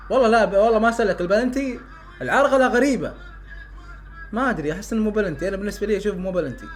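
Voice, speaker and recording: A young man giving a live football reaction, muttering between plays and bursting into loud shouts at chances. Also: high voice. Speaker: YouTube streamer reacting to a football match.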